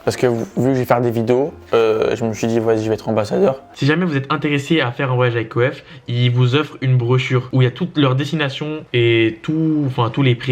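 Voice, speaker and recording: A young man chatting casually on his vlog, slangy and animated, laughing often. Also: medium pitch. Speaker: vlogger.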